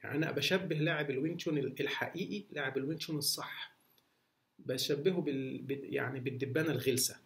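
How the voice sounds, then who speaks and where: A martial arts instructor with an Egyptian Arabic accent answers viewer questions in a casual monologue, sounding hesitant with many fillers and restarts. His mid-range voice is rapid-fire, creaky, and fairly bright.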